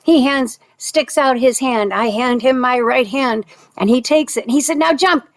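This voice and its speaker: A woman's voice: on the high side, normal speed. A woman from the United States telling a personal story in a chatty, self-deprecating way, with restarts.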